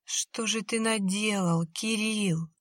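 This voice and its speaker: A woman's voice: mid-range voice, unhurried, a bit bright, no room sound, studio quality. A woman voicing a dying young woman who speaks weakly and bitterly in a half whisper. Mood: accusing. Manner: weak, breathy, half-whispered.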